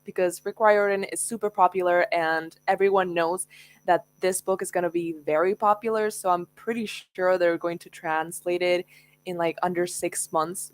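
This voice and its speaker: A young woman, a native Spanish speaker and book YouTuber, chats casually in a Q&A livestream, laughing often as she answers viewer questions. Her voice sits on the low side, and the recording is dry.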